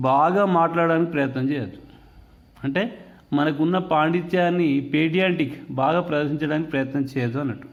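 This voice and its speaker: A man teaching a lesson on an English text, explaining in another language mixed with English words and reading English quotations slowly. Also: on the high side, dull audio.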